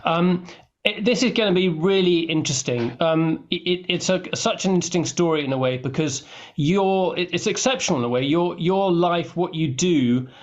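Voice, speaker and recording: A man's voice: a little high, dull audio. A man hosting an interview, opening with a scripted intro and then asking questions with frequent restarts. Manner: halting, restarts often when asking questions. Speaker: interview host.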